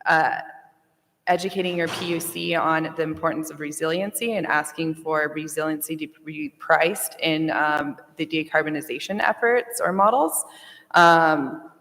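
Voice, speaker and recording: A woman's voice: sits low, normal speed, fairly bright tone. A woman speaking as a panelist, explaining earnestly in a large echoey room. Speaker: utility representative on a panel. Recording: echoey hall with long reverb.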